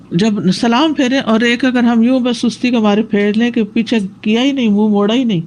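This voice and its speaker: A woman's voice: on the high side, darkish tone, slight background noise. A woman teacher giving a religious lesson on prayer, explaining and showing postures as she goes. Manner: explanatory, demonstrating with gestures.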